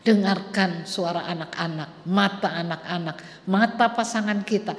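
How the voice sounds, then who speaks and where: A woman's voice: fairly low pitch, steady tone, unhurried. A woman preacher giving an earnest storytelling sermon in a church. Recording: echoey church hall, faint noise.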